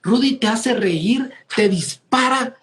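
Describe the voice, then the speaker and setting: A man's voice: extremely high pitch, takes it slowly, a bit bright. A man hosting a preaching podcast, talking casually and praising his guest with enthusiasm. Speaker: podcast host. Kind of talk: casual interview talk.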